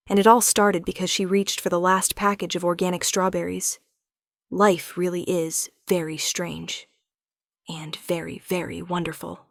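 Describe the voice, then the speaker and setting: Woman, romance narrator, scripted storytelling, flat even delivery, dry close mic. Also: mid-range voice, no echo.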